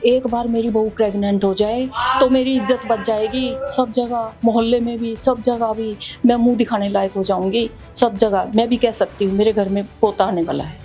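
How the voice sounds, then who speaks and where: A woman's voice: on the high side, steady tone, normal speed, over music, natural voice. Woman playing a scheming, begging mother-in-law. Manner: pleading, repeats "beta" while crying. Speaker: actor in a family drama short. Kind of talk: melodramatic short-film acting.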